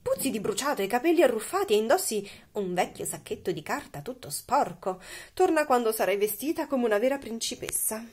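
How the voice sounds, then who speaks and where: A woman's voice: a little high, sing-song, fairly quick, darkish tone, breathy edge. A woman voicing a vain, snobbish young prince in a storybook reading, haughty and scolding. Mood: scornful.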